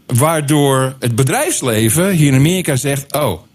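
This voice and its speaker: A man's voice: mid-range voice, animated, moderate pace, darkish tone. A man in a casual talk-show conversation, telling stories and acting out what others said. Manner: anecdotal, acts out quoted speech.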